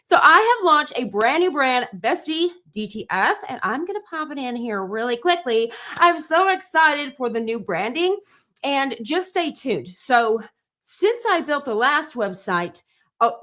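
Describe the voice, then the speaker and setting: A woman's voice: high voice, very animated, a little slow, a bit bright. A middle-aged woman hosting a casual live stream, bubbly and gushing, talking straight to her viewers while tired from very little sleep. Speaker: livestream host and small business owner.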